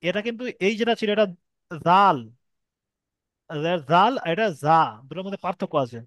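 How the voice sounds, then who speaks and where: High-voiced Bengali man teaching letters. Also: fast, a bit bright, dry recording. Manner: patient, explains step by step, drags out vowels to demonstrate. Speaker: Arabic reading teacher. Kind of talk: online Quran reading lesson.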